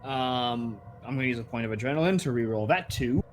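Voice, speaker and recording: A mid-pitched man plays along in a tabletop session, easygoing and chatty as he declares his moves. A faint hiss runs behind him. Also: brisk. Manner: easygoing, bursts into excited laughter. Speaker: player. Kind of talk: casual tabletop play.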